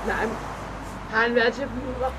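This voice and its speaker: A woman giving live reaction commentary while watching a film, narrating what happens with excited gasps and exclamations. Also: a little high. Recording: noisy home recording.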